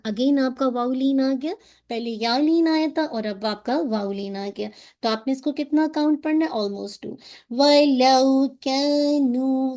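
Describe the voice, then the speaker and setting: A woman teaching Quran recitation on a video call, explaining each sound patiently and modelling words slowly. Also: high-pitched, warm tone. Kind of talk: online tajweed class.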